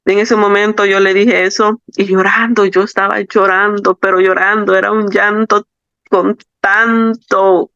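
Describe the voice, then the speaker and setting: A woman's voice: medium pitch, level tone, a little slow, a bit bright, clean tone, dry recording. A woman from El Salvador, a guest on a podcast, telling a personal faith testimony in an earnest, reflective way that circles back on her words. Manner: earnest, reflective storytelling with repetition. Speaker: interview guest. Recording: slightly dull, dry recording.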